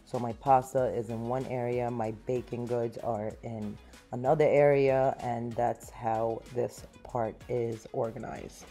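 A woman's voice: rumbling low, steady tone, unhurried, mellow, soft background music. A woman in her thirties narrating her own cleaning video at home, upbeat and explaining each step plainly. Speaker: cleaning vlogger. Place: small home, living room and pantry.

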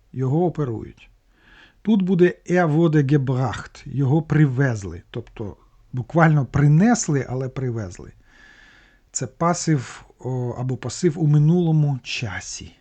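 A man's voice: medium pitch, mellow, muffled recording. A man teaching a language lesson, patiently explaining grammar and word meanings step by step, with small restarts.

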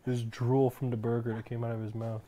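A male streamer chatting casually, giving deadpan, mock-serious rants and teasing the others. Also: medium pitch, a little fast, a little hiss or hum. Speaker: streamer and vlog host. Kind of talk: casual chat.

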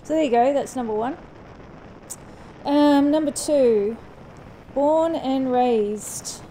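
A woman in her late thirties, born in New Zealand and raised in Australia, talks to camera in a mixed Kiwi-Aussie accent while riding her motorcycle down an open country road, full of ums and restarts. Her voice is high-pitched, warm and slow-paced. The helmet-mounted action cam gives poor audio, with engine and wind noise throughout.

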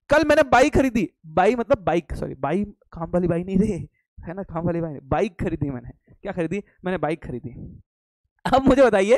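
A man's voice: very high voice, a little mellow, no echo. A young man teaching an online commerce class live, playful and teasing, quizzing students and answering his own questions, slipping English phrases into his talk. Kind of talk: live online lecture with jokes.

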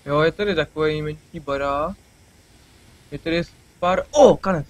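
A young man hosting a gaming video, chatting casually and excitedly with a friend, swearing and laughing often. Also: a little high, poor audio. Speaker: gaming channel host. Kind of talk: casual let's-play banter.

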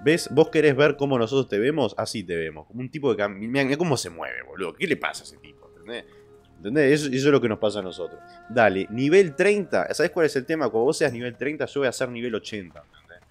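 A young man with an Argentine accent, chatting casually on a livestream, reading viewer messages and joking crudely with loud outbursts. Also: medium pitch, big pitch swings, quick pace, soft background music. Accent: Argentine Spanish. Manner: crude, joking, trash-talking; loud outbursts and sudden drops to a mutter. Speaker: streamer.

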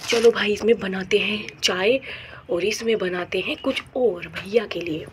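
A woman hosting a homemade toy play video, narrating in a chatty, excited way. Her voice sits at a middling pitch, with a faint hiss in the background. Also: measured pace. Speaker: toy play channel host.

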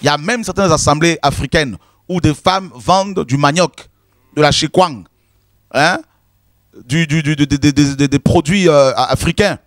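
A man's voice: a little high, measured pace, no room sound, studio quality. A man preaching a sermon, emphatic and repetitive, often calling his listeners "my friends". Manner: emphatic, repetitive, addresses listeners as "mes amis".

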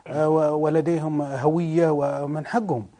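A man giving political commentary as a studio guest, measured and full of hesitant fillers. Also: fairly high pitch, little pitch movement, dark tone.

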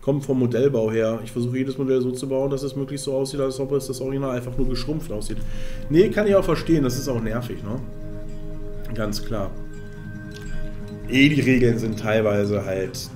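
A man's voice: mid-range voice, normal speed, music in the background. A man streaming a strategy game, thinking aloud, counting under his breath and chatting to his viewers. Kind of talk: casual live-stream gameplay commentary.

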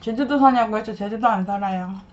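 A young woman mukbang streamer eats at a table in a small room, chatting casually, thanking viewers and murmuring between bites. Her mid-range voice is brisk and a little mellow, and the lo-fi stream audio sounds dull with faint noise.

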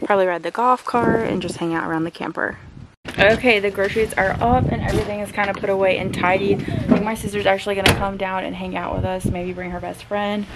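A woman's voice: medium pitch, steady tone, fast. A woman in her twenties chatting casually to a handheld camera as a vlogger, rambling along with lots of "like" fillers. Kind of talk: casual vlog chat to camera. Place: inside a car and outdoors at a campground. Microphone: handheld camera at arm's length. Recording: noisy car and outdoor ambience.

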